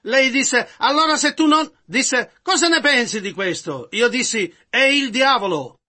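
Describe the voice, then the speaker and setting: A man interpreting a sermon with a very high voice and an intensely bright, sharp tone. He gives back each of the preacher's phrases in a measured, steady delivery.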